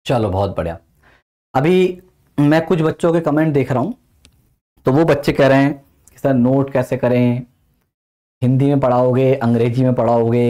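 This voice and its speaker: A man teaching a live online exam-prep class, energetic and coaxing, often pressing students for quick replies. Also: mid-range voice.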